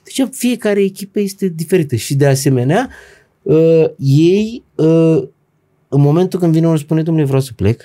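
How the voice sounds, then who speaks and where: A middle-aged man speaking as a podcast guest, with a somewhat high but mellow, warm-toned voice. He tells stories bluntly and with slang, acting out what others said to him. The talk is casual and lively. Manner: animated storyteller, blunt slangy speech, acts out dialogue. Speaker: business owner and professor, podcast guest. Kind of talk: casual conversational interview.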